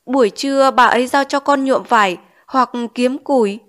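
A woman's voice: sits high, normal speed, a bit bright, pitched above the performer's own voice. A woman reading as a timid tearful schoolboy. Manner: meek, polite address. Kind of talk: audiobook character reading.

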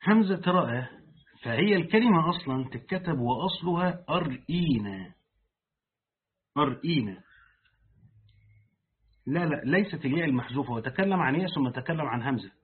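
Man, rapid reading of commentary, husky voice, phone-like lo-fi audio. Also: on the high side, expressive. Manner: reads the text aloud, then breaks off to explain it in colloquial speech. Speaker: sheikh teaching Quran exegesis. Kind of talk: reading and explaining a tafsir lesson. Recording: tinny phone-like lo-fi recording.

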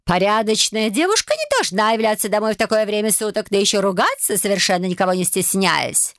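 A woman's voice: mid-range voice, expressive, fairly quick, fairly bright tone, dry recording, studio quality, voice pushed up. A woman voicing a strict, prim werewolf dormitory matron who scolds a student, in an audiobook. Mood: scolding. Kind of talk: audiobook character voice.

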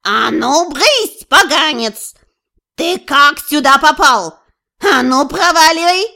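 A gruff little house spirit with burring r's, scolding in a folksy way, as a woman reader voices him. The voice is high, bright and lively, with slow, careful delivery. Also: heavily acted.

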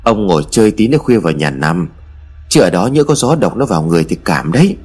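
A man's voice: sits low, very animated, quick pace, a little mellow, slightly rough, faint music behind, exaggerated voice. A man voicing a worried, nagging old village wife in an audio story, scolding and fretful in tone.

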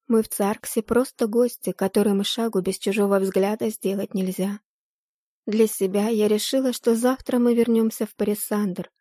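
A woman tells a first-person fantasy tale in an expressive, steady storytelling voice. Her pitch sits in the middle range. The recording is dry and close, with no room sound. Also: no room sound. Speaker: audiobook narrator.

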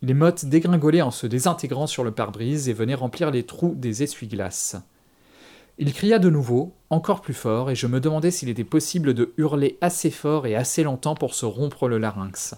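A man narrates a first-person story at a measured, steady pace. His voice sits in a middle pitch. The delivery is plain audiobook reading.

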